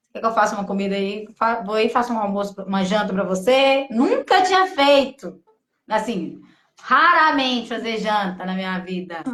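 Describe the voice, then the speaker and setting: A woman from gives an emotional personal testimony, halting and full of restarts as she quotes her own thoughts. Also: mid-range voice, a bit bright. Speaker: testimony guest. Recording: echoey room.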